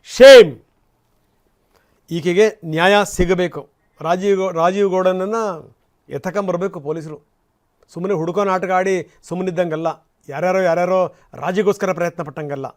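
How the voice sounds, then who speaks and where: A man's voice: sits high, steady tone, a little fast. A man giving impassioned, indignant news commentary as an anchor, full of rhetorical questions and emphatic repetition.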